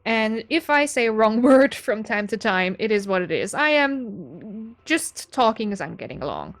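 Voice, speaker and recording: A German-accented woman in her twenties, a gaming video creator, chats casually about her game setup. Her voice is a little high and sing-song, at a moderate pace. She's self-deprecating and often breaks into a laugh.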